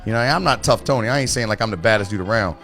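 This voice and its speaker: A podcast host talks casually and swears a lot, often saying "you know what I mean." His voice is fairly low, fairly bright, and very fast, recorded on a studio mic with faint music in the background.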